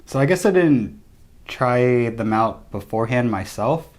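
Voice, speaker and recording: A young man talking casually to camera in a low-key, conversational way, sharing tips as a vlogger. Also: expressive, unhurried. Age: young adult. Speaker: vlogger giving recovery tips. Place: small room indoors, seated at a table.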